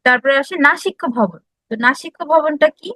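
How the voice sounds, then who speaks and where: A woman giving a classroom lecture, explaining step by step, asking her listeners questions and pausing often with filler sounds. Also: sits high, pushed and bright, no room sound, poor audio. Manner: explanatory, frequent filler sounds and restarts, asks the audience questions. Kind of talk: classroom lecture on language history.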